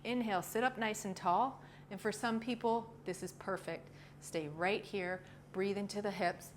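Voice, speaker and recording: A woman leading a yoga class with short, calm cues in a gentle, encouraging, informal way. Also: mid-range voice, normal speed. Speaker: yoga instructor. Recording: clearly noisy ambient background.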